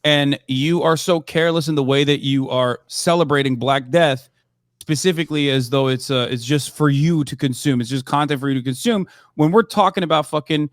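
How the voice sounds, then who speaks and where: A man's voice: fairly high pitch, fairly quick, dry recording, studio quality. A man who grew up in Turkey, a commentator debating on a live stream, hesitant with many fillers and restarts, swearing now and then.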